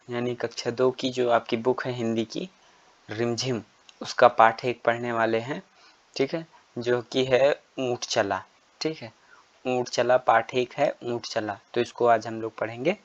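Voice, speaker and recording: A man teaching young children, reading slowly and repeating each line with frequent checks along the way. His delivery is unhurried and patient. The recording is dull, lo-fi and dry. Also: mid-range voice, steady tone, dry recording. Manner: slow, repetitive reading with frequent filler checks. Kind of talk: children's textbook lesson.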